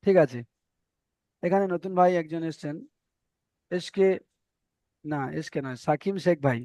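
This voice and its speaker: A man's voice: on the high side, a little slow, mellow, no echo. A man teaching Arabic letter reading in an online class, patiently repeating each point and checking that students follow.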